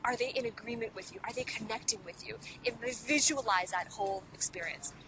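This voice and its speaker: A Hong Kong woman, a native Cantonese speaker, teaches public speaking in an earnest, motivational video lesson, peppering the viewer with rhetorical questions. Her voice is fairly high and fairly quick. Background music plays, and there is background noise.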